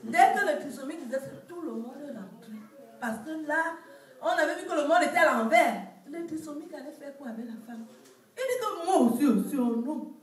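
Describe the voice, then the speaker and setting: A woman from Cameroon with a Cameroonian French accent, telling animated stand-up stories and acting out village characters. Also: sits high, a little fast. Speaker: stand-up comedian. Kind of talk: stand-up storytelling. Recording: echoey room from far off.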